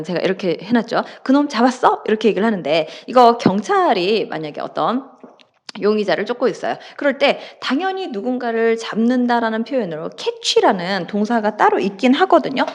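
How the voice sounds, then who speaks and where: A woman English teacher giving a chatty lecture, her fairly high voice swinging widely in pitch as she acts out little example lines. She laughs often and keeps an easy, talkative manner throughout.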